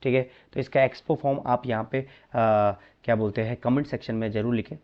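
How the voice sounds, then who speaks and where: A man's voice: mid-range voice, steady tone, a little fast, lo-fi sound. A man teaching a maths lesson in a chatty, coaxing way, often addressing students as brother.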